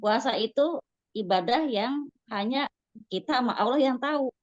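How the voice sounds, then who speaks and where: A woman giving a casual religious study talk, lively and acting out quoted voices. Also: fairly high pitch, normal speed, dry recording. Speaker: religious teacher. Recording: dull dry lo-fi recording.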